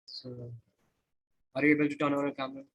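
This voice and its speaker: A man's voice: mid-range voice, flat delivery, fast talker, a bit bright, highs cut off, a little hiss or hum. A man moderating an online event, politely asking the speaker to unmute and turn on his camera. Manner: polite, prompting. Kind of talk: moderating a video call. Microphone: video call.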